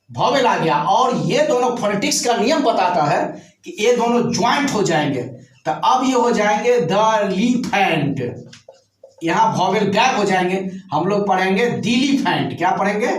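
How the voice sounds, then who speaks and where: Recorded from afar in a roomy, echoing space, a man with a notably high and somewhat bright voice teaches his class. He works through points step by step, slowly repeating key words and putting checking questions to the students.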